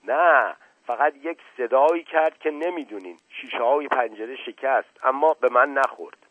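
A man's voice: medium pitch, no room sound, lightly acted. A man voicing a whiny, spiteful young man who accuses and complains. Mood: whining accusing. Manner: whining, accusing. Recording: narrow phone-like band, dry.

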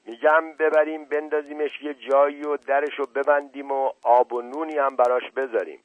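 A man's voice: mid-range voice, flat delivery, no echo, pitched above the performer's own voice, close to an everyday voice. A man voicing a shrewd, scheming village man who talks firmly with a raised voice. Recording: tinny phone-like dry recording.

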